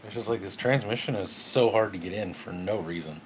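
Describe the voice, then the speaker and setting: A man's voice: fairly low pitch, a little fast, noisy background. A man bantering and joking in a garage while he works on a truck, cursing when parts won't fit. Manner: joking, cursing at his work. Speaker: guest co-host. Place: home garage. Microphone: host's phone on tripod.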